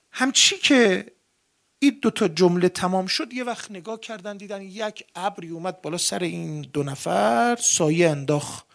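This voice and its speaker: A man preaching, telling a story in an animated way and voicing the people in it. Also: sits high, creaky. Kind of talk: sermon storytelling.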